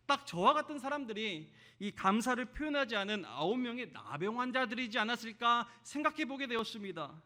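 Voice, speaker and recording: A male pastor from Jeolla gives a Sunday sermon in an easy, chatty manner. He keeps asking the congregation questions and tells light stories that poke fun at himself. His voice sits high for a man and has a sharp, bright edge. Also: big pitch swings, brisk, hardly any pauses. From Jeolla, South Korea. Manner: conversational preaching with rhetorical questions and self-deprecating stories.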